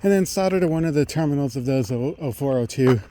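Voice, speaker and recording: A middle-aged man thinks aloud in a halting technical monologue while walking outdoors along a road. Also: medium pitch, expressive, warm tone, low-quality recording. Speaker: vlogger. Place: outdoors on a residential roadside. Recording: outdoor street noise, passing vehicles.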